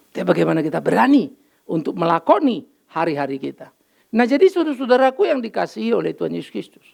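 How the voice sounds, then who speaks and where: Gravelly, animated older pastor preaching. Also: male voice, sits high. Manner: lively storytelling, acts out dialogue, mixes in English phrases. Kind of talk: sermon. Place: church.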